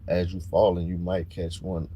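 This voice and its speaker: A man talking bluntly and casually on a livestream, growing animated when he gets worked up. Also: sits low, moderate pace, slight background noise. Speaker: livestream host.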